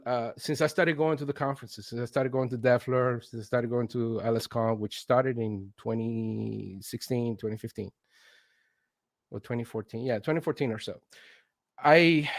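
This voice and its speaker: Here a man in his late 40s from Venezuela, a Spanish-speaking instructional design consultant, chats as an interview guest, recounting personal stories. His medium-pitched voice moves at a moderate pace, and he often voices his own thoughts aloud and asks "right?" to check in. There's no room sound at all.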